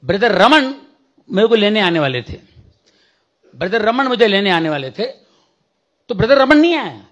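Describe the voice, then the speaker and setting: Husky man telling a church testimony. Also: high-pitched, sing-song, normal speed, long pauses, highs cut off. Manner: storytelling, acts out dialogue, bursts into shouting prayer; mixes in English phrases. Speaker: preacher giving a testimony. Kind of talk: sermon testimony.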